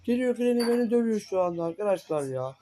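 A man's voice: high voice, animated, fast talker, background noise. A man giving frantic, complaining let's-play commentary to his viewers, repeating himself as he plays. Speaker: gaming video creator.

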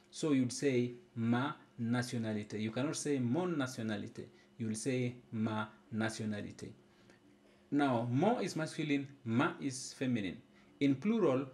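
A man teaching a recorded French lesson in English, explaining slowly and repeating each phrase, filmed with a camera held over a textbook on a desk. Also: mid-range voice, a little mellow.

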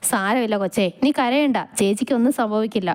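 Kind old rickshaw driver man, gentle, woman reading it. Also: on the high side, a little fast, lightly acted. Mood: reassuring. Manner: gentle, reassuring. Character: old male auto driver, kindly.

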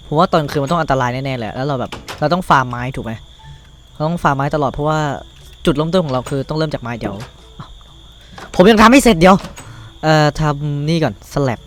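A man's voice: medium pitch, fairly bright tone, slight background noise. Teen Thai guy rambling over gameplay. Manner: rambling, talks to himself while crafting, casual swearing. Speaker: gaming YouTuber. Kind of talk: Minecraft let's play commentary.

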